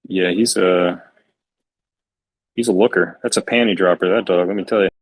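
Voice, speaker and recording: Deep, husky man walking through a chart. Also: steady tone, no echo, poor audio. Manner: measured, hedging, with restarts. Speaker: stream host and chart analyst. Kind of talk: live stream chart commentary.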